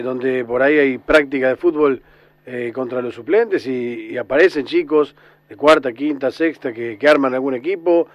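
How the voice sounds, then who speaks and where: Argentine radio co-host, dry sound. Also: male voice, mid-range voice, no room sound.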